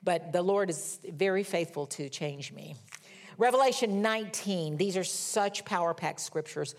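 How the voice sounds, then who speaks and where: A middle-aged woman preaching a sermon. She moves from fervent, raised scripture reading to soft, hushed storytelling. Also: fairly low pitch, a little slow. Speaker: minister.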